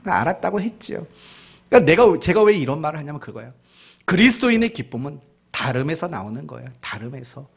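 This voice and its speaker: Husky-voiced man preaching with lively swings. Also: a little high, fast talker. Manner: questions the congregation directly, swings between loud and hushed; mixes in humorous family anecdotes. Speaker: pastor. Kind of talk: sermon.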